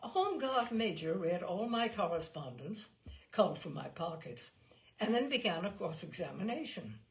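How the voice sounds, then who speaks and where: Reading literary stories aloud, this female storyteller gives a dramatised narration in a lowish, animated voice. She keeps to a normal speed.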